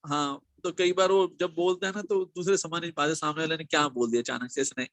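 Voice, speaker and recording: Middle-aged man, a touch high-pitched, close and dry; thoughtful, hesitant talker. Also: brisk, fairly bright tone, dry recording. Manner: thoughtful, searching for words. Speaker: discussion participant. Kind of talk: casual group discussion.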